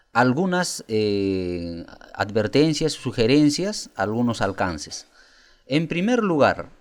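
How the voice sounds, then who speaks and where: Guy walking thru a software tutorial, talks right to viewers, asks questions as he goes. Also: mid-range voice. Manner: explanatory, addresses viewers directly with rhetorical questions. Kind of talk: screen-recorded software tutorial.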